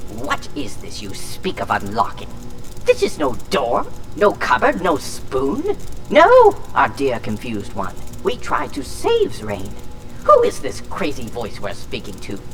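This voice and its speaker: A woman's voice: lowish voice, huge pitch swings, a little slow, creaky, recorded from a distance, soft background music, exaggerated voice. A woman playing the crazy voice of an alien shard in an audio drama, ranting like an unhinged villain with theatrical, grandiose insults. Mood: mocking, manic. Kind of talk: full cast audio drama acting.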